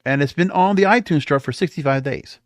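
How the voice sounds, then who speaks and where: Reading out chart figures and thinking aloud, a male podcast host offers off-the-cuff music commentary. His voice is a little high and brisk, with no echo.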